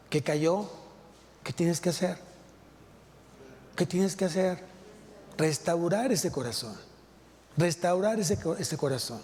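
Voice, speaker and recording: Mexican pastor preaching, high-ish voice but mellow, lots of questions and repeats, big echoey church. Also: male voice, a little hiss or hum. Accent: Mexican Spanish. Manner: rhetorical questions, repeats key phrases. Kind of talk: sermon. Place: large church hall. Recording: long hall reverb.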